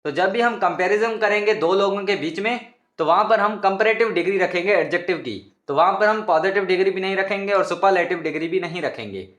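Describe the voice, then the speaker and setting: Guy teaching grammar, high voice, patient and repeats himself a lot, echoey room. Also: a little fast, few pauses, fairly bright tone. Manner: patient, repetitive, addresses viewers as students. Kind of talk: explanatory classroom lesson.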